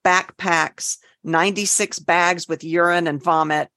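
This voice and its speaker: Woman, lower pitch, podcast co-host, easy conversational advice, dry close recording. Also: fairly even intonation, a little slow, bright, forceful tone, no echo. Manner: conversational, steering the topic with trivia and advice. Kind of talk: casual chat.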